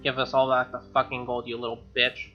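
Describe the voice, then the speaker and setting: A man reads through a visual novel for his gaming video, mixing in casual, snarky asides and swearing. His medium-pitched voice is monotone and brisk. The recording is dull and lo-fi, over game music with guitar.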